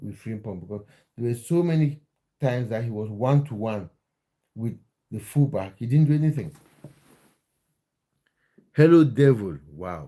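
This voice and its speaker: A Cameroonian man hosts a laid-back football livestream, chatting casually with viewers and frequently restarting what he's saying. His voice sits in the mid range with a warm tone.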